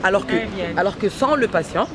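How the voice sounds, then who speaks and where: A woman's voice: mid-range voice, animated, brisk. A woman in her thirties, a home-care nurse raised in France, speaking earnestly and passionately in a street interview, with frequent restarts. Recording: loud crowd and traffic behind.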